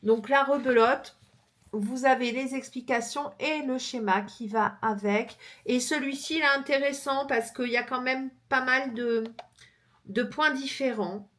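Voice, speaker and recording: A woman's voice: sits high, steady tone, measured pace, fairly bright tone. A woman crochet vlogger from France chatting casually as she shows her books, with frequent fillers and easy laughter. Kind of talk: casual chat showing books.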